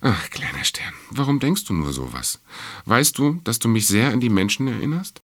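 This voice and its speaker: A man voicing a wise, kind fox in a storybook reading, calm and gently explaining. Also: medium pitch, moderate pace, no echo, voice pushed up. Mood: gentle.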